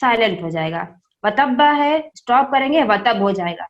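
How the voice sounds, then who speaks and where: A woman's voice: a little high, animated. A woman teaching an online class on reading the Quran, spelling out the words letter by letter and answering her own questions. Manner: asks questions and answers them herself. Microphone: online call microphone. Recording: dull lo-fi video call audio.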